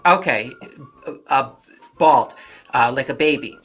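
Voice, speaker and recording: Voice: mid-range voice, animated, slow pace, soft background music. An adult co-host chatting casually, hesitantly prompting the other speaker with questions. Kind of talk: casual chat.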